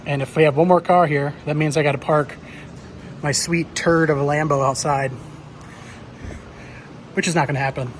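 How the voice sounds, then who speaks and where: Offhand man, higher-pitched voice, noisy shop. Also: steady tone, moderate pace, pauses often. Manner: blunt, profane, offhand. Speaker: car shop owner giving a walkaround tour. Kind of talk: casual unscripted video tour. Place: busy car workshop, walking among cars.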